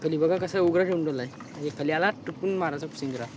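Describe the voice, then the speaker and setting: A man's voice: a little high, rapid-fire, very noisy. Chatty vlogger man checking crab nets outdoors. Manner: chatty, keeps pointing things out to viewers. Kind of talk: casual outdoor crab-catching vlog.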